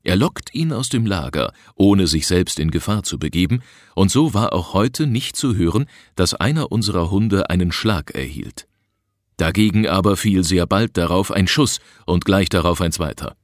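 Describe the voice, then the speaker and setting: A man reading an adventure story aloud as narrator, in an even, measured storytelling manner. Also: sits low, no room sound, studio quality. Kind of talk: audiobook reading of a travel adventure.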